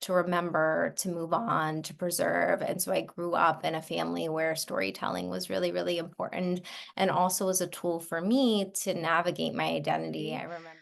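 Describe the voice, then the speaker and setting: A woman's voice: lowish voice, little pitch movement, brisk, gravelly. A woman from the Midwestern United States who is a storyteller, speaking thoughtfully about her childhood. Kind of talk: reflective personal account.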